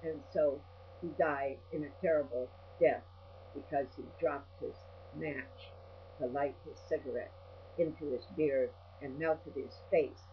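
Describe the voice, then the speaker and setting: An older woman video blogger gives a rambling personal monologue, blunt, salty, and prone to ranting. Her deep voice is steady and a little slow. The audio is dull and lo-fi, with a faint mains hum.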